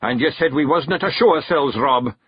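A man's voice: a little high, a little fast, breathy edge, no echo, dull audio, voice pushed up. A man doing Big Yan, blunt Scottish fairy brute. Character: big slow-witted male fairy warrior.

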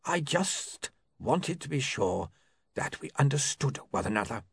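A man voicing a slow, dry, stiff old male lawyer with a creaky, husky voice, in an audiobook. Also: mid-range voice, very animated, fairly bright tone, no echo, voice pushed up, heavily acted.

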